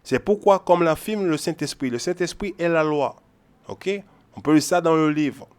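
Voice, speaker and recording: This man's voice sits on the high side, slightly mellow and clean, with a moderate pace. His informal Bible lesson leans on emphatic repetition, and he constantly checks in using "ok?" and "hein?"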